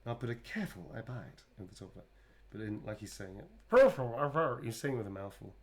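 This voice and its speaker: A man's voice: lowish voice, quick pace. A man chatting casually while signing and drawing for fans, self-mocking and often laughing. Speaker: voice actor signing fan requests.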